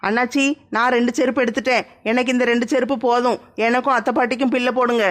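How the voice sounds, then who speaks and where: A woman's voice: fairly high pitch, steady tone, quick pace, pitched below the performer's own voice, close to an everyday voice. A woman voicing a bossy village woman.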